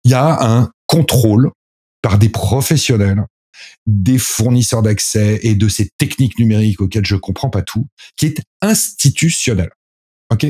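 Man, husky voice, ironic commentator who mocks and hesitates. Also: fairly low pitch, mellow. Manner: ironic, mocking parody voices with pauses and restarts. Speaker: commentator explaining a new law. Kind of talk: casual commentary.

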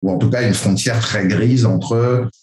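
Casting: low-voiced man from France, rambling talker, echoey room sound. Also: steady tone, unhurried, a little mellow. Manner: rambling, many restarts and fillers. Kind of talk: casual discussion.

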